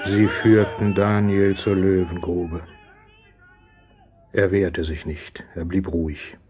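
A loyal courtier telling his story solemnly. His voice is fairly low, with deliberate dramatic phrasing and a slightly muffled sound. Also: flat delivery, a crowd in the background. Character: loyal royal courtier recounting events as storyteller. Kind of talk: dramatised scripted narration.

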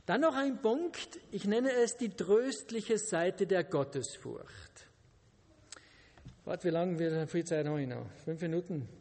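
A man preaching a sermon in a deliberate manner, with joking asides to his listeners. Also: high-pitched, lively intonation, a little mellow, long reverb tail.

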